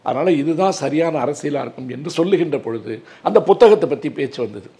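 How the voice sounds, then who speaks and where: 60s guy lawyer, kinda higher voice, talks emphatic and earnest, lots of fillers. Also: lively intonation, fast talker, dark tone. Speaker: advocate. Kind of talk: interview.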